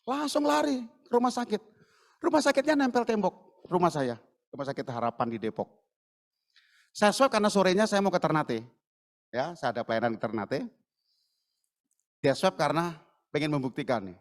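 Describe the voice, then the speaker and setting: A middle-aged man preaches to his congregation, storytelling with a voice pitched a little high. His delivery is animated and full of pitch swings, jumping into quoted dialogue with gusto. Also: normal speed, long pauses. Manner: lively storyteller, acts out dialogue in raised voices. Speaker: pastor. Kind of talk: sermon with storytelling. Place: church service.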